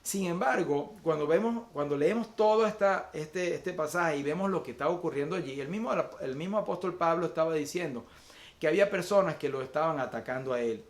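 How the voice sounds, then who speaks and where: A man's voice: a little high, roomy sound. A man preaching an online Sunday sermon as pastor, often repeating words and using fillers while he searches for the next phrase. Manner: slows to list virtues one by one.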